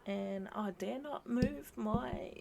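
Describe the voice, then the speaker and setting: A woman hosting a casual livestream, rambling reflectively in short phrases with frequent pauses. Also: fairly high pitch, creaky, mellow. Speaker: host of a live video commenting on folklore.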